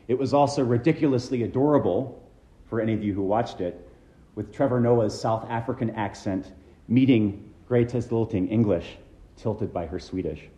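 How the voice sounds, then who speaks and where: A man preaching a measured, reflective sermon as a minister, his phrases trailing off low at the ends. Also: mellow, roomy sound, lo-fi sound.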